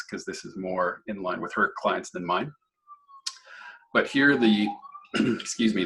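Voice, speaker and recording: Guy, low raspy voice going a bit hoarse, explaining a software demo, clears his throat a lot. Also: slight background noise, poor audio. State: slightly hoarse. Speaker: software presenter. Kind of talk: software walkthrough webinar.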